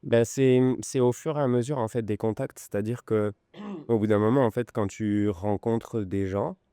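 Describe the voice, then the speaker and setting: A man in his forties from France with a Lyon accent, an interview guest telling his story in an unhurried, hesitant way. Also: lowish voice, dark tone, smooth, no echo, studio quality. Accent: French, from Lyon. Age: 40s. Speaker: podcast guest, luxury goods broker. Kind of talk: conversational interview. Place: podcast studio.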